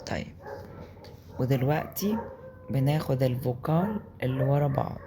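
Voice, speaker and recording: An Egyptian-accented man walks learners through German letter combinations at an easy middle pitch. He repeats sounds patiently and keeps checking in with a quick question. A faint noise sits behind his voice. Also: animated. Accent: Egyptian Arabic. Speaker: German language teacher. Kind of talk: explaining pronunciation in a lesson.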